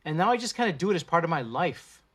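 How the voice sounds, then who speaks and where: A man hosting a casual livestream, talking in a profane, slangy and animated way into a phone. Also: fairly high pitch, fast. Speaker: livestream host.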